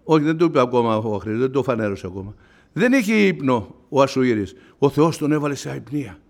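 A man preaching a sermon, retelling a Bible story with animated storytelling and acting out the characters' lines in raised voices. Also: medium pitch, creaky.

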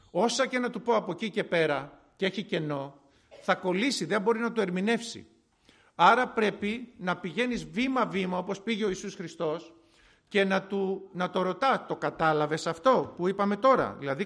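A man's voice: high-pitched, vocal fry, fairly bright tone. A middle-aged man preaching a sermon in a conversational way, telling stories and asking and answering his own questions.

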